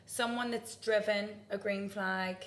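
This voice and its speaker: A woman's voice: medium pitch, fairly even intonation, a little slow. A young woman hosting a podcast, chatting casually with a friend, filling her talk with "like" and casual swearing. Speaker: podcast host. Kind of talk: casual chat.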